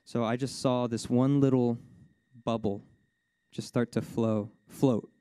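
Speaking slowly in a clean, mellow and warm voice, a man tells his testimony during a church worship service as an animated, easygoing story. His pitch leaps up at exciting moments, he laughs a lot, and he fills his speech with "like" and "you know." The recording is close and dry, with no room sound.

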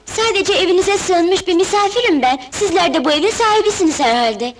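A woman dubbing a sweet, gentle young princess in a film, speaking kindly and with wonder. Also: extremely high pitch, animated, brisk, a little hiss or hum. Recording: dubbed film soundtrack with music.

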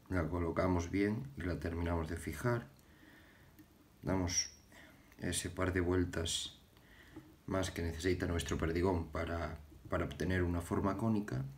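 Deep-voiced man tying a fly. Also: slight background noise. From Galicia, Spain. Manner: halting, repeats words while working with his hands. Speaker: fly-tying channel host. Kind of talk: casual fly-tying tutorial. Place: indoors at a tying bench.

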